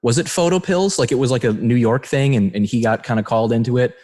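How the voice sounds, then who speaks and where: A man's voice: mid-range voice, fast, darkish tone. A man hosting a podcast, chatting casually with many fillers and easy laughter. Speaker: podcast host.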